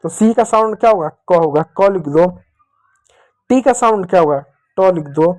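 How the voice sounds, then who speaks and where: The digital pen is audible as a male teacher runs an online lesson for small children, patiently repeating each point and answering his own questions. His high voice is expressive and darkish, moderately paced, with no echo.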